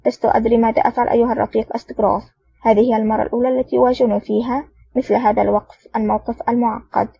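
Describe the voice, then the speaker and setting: A woman's voice: on the high side, level tone, racing, vocal fry, breathy edge, dry recording. A woman voicing a hesitant male airfield officer who speaks in an uncertain, wavering way. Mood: uneasy. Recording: dull lo-fi audio.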